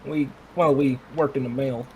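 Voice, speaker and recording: A man's voice: mid-range voice, fairly even intonation, normal speed, mellow, highs cut off, a little hiss or hum. A man with a Southern US accent playing a tabletop game, talking in a friendly, slightly hesitant way. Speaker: player. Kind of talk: tabletop game chat and in-character talk.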